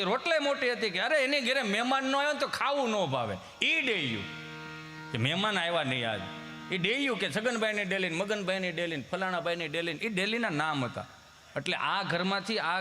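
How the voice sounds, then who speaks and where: A man's voice: high-pitched, pushed and bright. A man with a Kathiawadi Gujarati accent doing folk stand-up storytelling, folksy and anecdotal, chuckling as he goes. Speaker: stand-up comedian.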